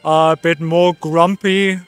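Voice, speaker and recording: A man's voice: fairly high pitch, flat delivery, slow, clean tone, faint music behind. A man answering a street interview in a mild, easygoing way.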